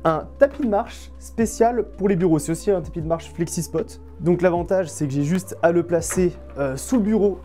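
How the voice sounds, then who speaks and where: A woman's voice: on the low side, moderate pace, hardly any pauses, dark tone, soft background music. A woman in her late twenties, a streamer, giving a casual, chatty and self-mocking tour of her studio. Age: late 20s. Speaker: streamer and video creator. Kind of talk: casual setup tour vlog.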